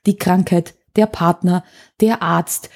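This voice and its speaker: A woman's voice: fairly low pitch, steady tone, slow pace, a little mellow. A woman, an anger coach talking in an interview, explaining emphatically with vivid examples. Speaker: anger coach, podcast guest. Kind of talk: conversational interview.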